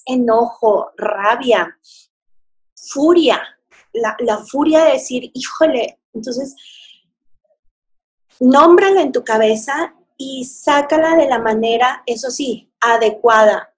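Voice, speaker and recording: A woman's voice: a little high, breathy edge. Earnest Mexican woman giving life advice. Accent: Mexican Spanish. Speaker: divorced mother sharing advice. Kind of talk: motivational talk.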